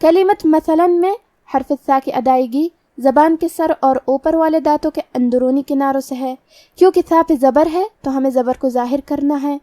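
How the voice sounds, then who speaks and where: High-voiced woman teaching Quran recitation. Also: warm tone, no room sound, studio quality. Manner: methodical, explains each letter rule step by step; recites verses very slowly and drawn out. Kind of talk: tajweed lesson with slow recitation.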